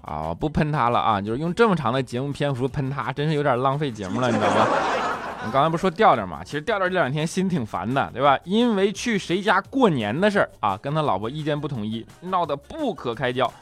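A man hosting a comedy show, telling jokes in a mocking, animated monologue with many rhetorical asides. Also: medium pitch, fast talker, over music. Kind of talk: scripted comic monologue.

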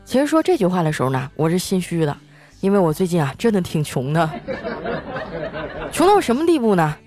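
A playful young woman tells comic stories from her own life, laughing often as she goes. Her pitch is very lively, and faint music plays underneath. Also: fairly quick. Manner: playful, giggly. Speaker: podcast host. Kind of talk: comic storytelling.

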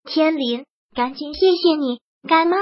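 A woman's voice: high voice, measured pace, dry recording, lo-fi sound. A woman voicing a confused, childlike young woman who treats a puppet as her baby, in a storybook reading. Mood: cheerful.

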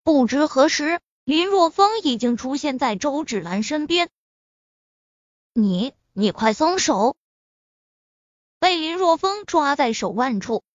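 A woman narrating a web novel aloud with expressive storytelling, with a slightly muffled lo-fi sound. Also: sits high, no room sound. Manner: expressive storytelling, acts out the characters.

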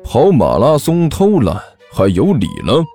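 Casual: guy doing a cold scolding teacher, sneery, kinda low. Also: huge pitch swings, a little slow, dark tone, slightly rough, soft background music, full character voice. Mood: sneering. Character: stern sneering school teacher.

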